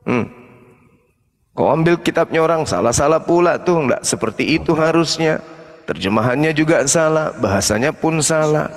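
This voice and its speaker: A man in a heated interfaith debate, mocking his opponent and slowly reading verses aloud. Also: a little high, animated, long reverb tail. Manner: mocking, challenging, reads scripture aloud slowly.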